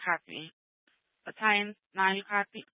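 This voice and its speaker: A woman's voice: medium pitch, measured pace, no echo. A woman radio operator giving short acknowledgements, heard over a dispatch radio channel. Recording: tinny, dry radio transmission.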